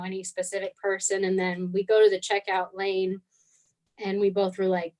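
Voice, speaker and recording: A woman in her twenties, a guest on an interview, recounting a story in a casual, animated way and acting out the lines people said. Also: mid-range voice, rough recording. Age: 20s. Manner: animated, acts out quoted dialogue. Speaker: guest missionary.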